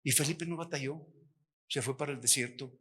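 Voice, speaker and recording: A middle-aged Mexican man giving a lively testimony sermon at a missions workshop, acting out the dialogue as he tells the story. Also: mid-range voice, a little fast, slightly rough. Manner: animated storytelling, acts out dialogue.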